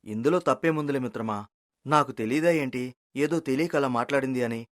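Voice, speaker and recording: A voice actor playing a humble, kind-hearted young village man in an animated story, gentle and pleading. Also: mid-range voice, fairly quick, close to an everyday voice. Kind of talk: storybook cartoon voice acting.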